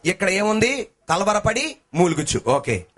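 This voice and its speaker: A male pastor preaches a sermon, moving back and forth between shouted sing-song lines and lower talk while calling on the congregation to answer back. His delivery is sing-song and unhurried.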